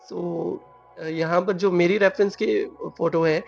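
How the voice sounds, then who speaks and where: A man talks through a drawing tutorial as a voice-over, moving between Hindi and English. He often pauses on fillers and restarts his phrases. His voice sits a little high, with faint music playing under it. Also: steady tone, gravelly, muffled recording.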